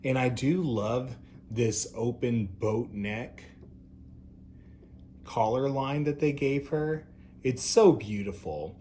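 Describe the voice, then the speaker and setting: A man with a fairly low voice gives an effusive, campy drag-queen style review. He speaks at a very unhurried pace, gushing over details as he goes. There is faint noise behind his voice. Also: a little mellow. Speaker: doll review host. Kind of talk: unscripted product review commentary.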